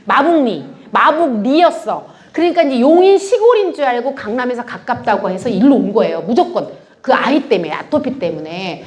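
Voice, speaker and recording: A middle-aged woman giving a lively testimony sermon at church, acting out the people in her story. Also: high-pitched. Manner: animated storytelling, acts out dialogue, laughs often. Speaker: lay ministry evangelist.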